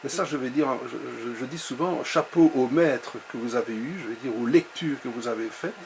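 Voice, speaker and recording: A man interviews an author, speaking in a measured and admiring tone. His voice is gravelly, and a clear noisy background runs under the recording. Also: mid-range voice. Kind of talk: interview conversation.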